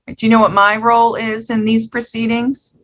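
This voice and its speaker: A woman's voice: fairly high pitch, flat delivery, moderate pace, a bit bright, lo-fi sound. A woman questioning a defendant as a judge, patient and plain-spoken.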